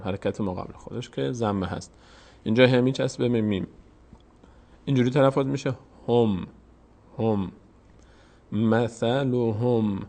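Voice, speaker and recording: A man with a creaky, medium-pitched voice gives a step-by-step Quran reading lesson. He patiently explains every vowel mark and slowly repeats the words.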